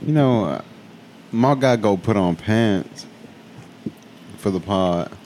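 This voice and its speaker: A man's voice: fairly low pitch, animated, slow, a little mellow, a little hiss or hum. A man casually bantering as a podcast co-host, talking in heavy slang and constantly saying bro.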